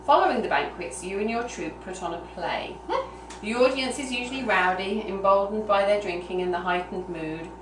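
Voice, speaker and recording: At a small gathering, a woman reads a story aloud in a live storytelling style. Her mid-range voice moves at a moderate pace, picked up by a distant mic in a noisy, roomy recording.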